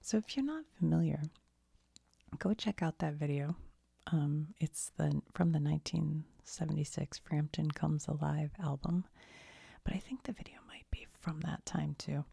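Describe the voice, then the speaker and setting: This is soft-spoken ASMR: a woman with a low, very creaky, breathy and husky voice gives a rambling, casual explanation. Her talk is halting and full of self-deprecating remarks, captured in a close, dry recording.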